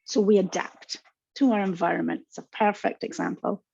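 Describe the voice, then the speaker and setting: A strongly Scottish-accented woman counsellor gives a webinar at a moderate pace, her medium-pitched voice gravelly and slightly breathy, with fairly even intonation. She speaks warmly and reassuringly, straight to the audience. Dull, dry lo-fi webinar recording.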